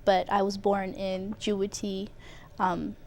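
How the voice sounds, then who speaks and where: A woman's voice: medium pitch, flat delivery, slow pace, darkish tone. A young woman from Ethiopia, a guest answering casually with "um" and "like". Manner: casual, with fillers like "um" and "like". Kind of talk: interview answers. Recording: faint background noise.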